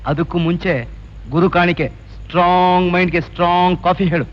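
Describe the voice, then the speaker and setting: An actor playing a boastful, bossy local tough who lectures and orders others around. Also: male voice, sits high, flat delivery, brisk, natural voice. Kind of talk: 1980s film dialogue. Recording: dull old film soundtrack with music.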